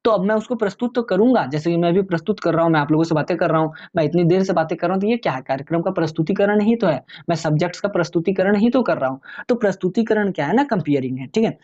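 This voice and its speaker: A man explaining exam topics in a relaxed, conversational lecture, addressing viewers as friends. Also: high-pitched, racing, few pauses, dull audio. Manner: chatty, many fillers and restarts. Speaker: exam tutor.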